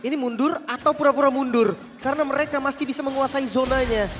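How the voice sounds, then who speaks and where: A man with an Indonesian accent giving excitable, colloquial live commentary on an esports match. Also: very high-pitched, fast, slight background noise. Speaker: esports shoutcaster. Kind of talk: live mobile game match commentary and analysis. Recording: loud music behind the voice. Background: music.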